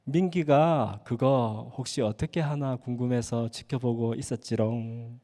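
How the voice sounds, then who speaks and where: A man voicing a gentle, teasing mother who speaks slowly and softly, with the reverb of a church hall. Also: mid-range voice, pitched below the performer's own voice, close to an everyday voice. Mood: teasing tenderly. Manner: slow, soft, playful drawl.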